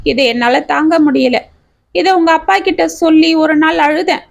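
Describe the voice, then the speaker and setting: Sorrowful widowed mother, read by a woman storyteller; high, heartfelt, confessional storybook voice. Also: unhurried, creaky. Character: grieving widowed mother, pleading and tearful.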